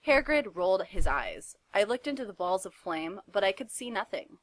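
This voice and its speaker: A woman's voice: mid-range voice, sing-song, normal speed, no room sound. Woman reading fanfiction, dry close sound. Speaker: reader.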